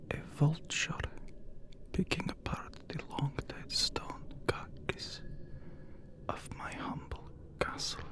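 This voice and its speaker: A man voicing a haughty, courtly, immortal vampire count in a breathy, whispered ASMR roleplay, with formal, archaic phrasing. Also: a little high, exaggerated voice. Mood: cold warning.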